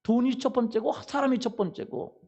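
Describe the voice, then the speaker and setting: A man's voice: very high voice, expressive, normal speed, vocal fry, warm tone, lo-fi sound. A male pastor giving a Sunday sermon, quizzing the congregation with fill-in questions and repeating "hallelujah" and "right?". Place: church sanctuary.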